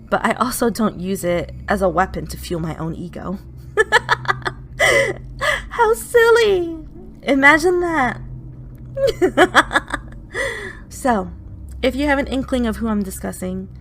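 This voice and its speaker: Yandere woman, acted, sweetly eerie and obsessive, theatrical menace, creaky tone, some noise behind. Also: on the low side. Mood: mocking, then sweetly threatening. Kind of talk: in-character call-out monologue.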